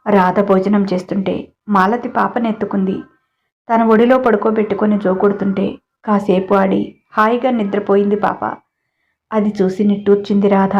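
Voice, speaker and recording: A woman in a middle register reads a family story aloud and voices its dialogue lightly within her steady narration. The audio is dull and lo-fi. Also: mid-range voice.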